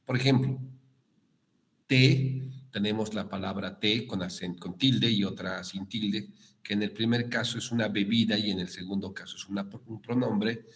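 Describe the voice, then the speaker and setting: A man with a Bolivian Spanish accent giving a university prep lesson on written accents, explaining slowly with frequent fillers and self-corrections. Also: lowish voice, steady tone, fairly bright tone. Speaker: guest lecturer.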